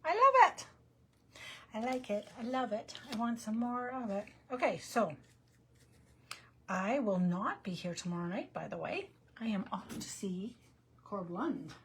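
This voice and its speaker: Middle-aged woman, chatty self-mocking craft host, home room with steady background noise. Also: medium pitch, a little slow. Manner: chatty, self-deprecating, thinks aloud. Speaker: card-making tutorial host. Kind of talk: casual live crafting demo.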